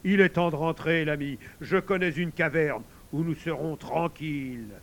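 Storybook villain: a sly, greedy wolf, rough and jeering, loud and raised; a man acts him out. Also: on the high side, moderate pace. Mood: calm, sly. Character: sly boastful male werewolf, hungry and mocking. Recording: dull lo-fi recording.

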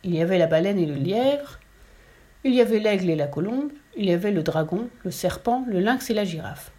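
A woman reading a children's story aloud in a lively, expressive way. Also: mid-range voice, fairly quick.

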